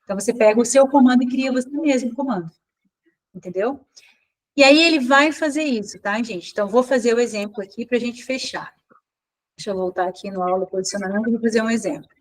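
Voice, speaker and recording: A woman's voice: a little high, quick pace, low-quality recording. A woman teaching a live online class over a video call, talking informally and correcting herself as she thinks aloud.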